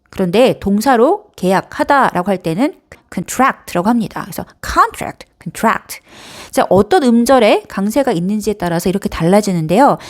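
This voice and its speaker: A woman teaching English pronunciation, modeling words slowly with exaggerated stress. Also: fairly high pitch, a little mellow. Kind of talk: pronunciation lesson.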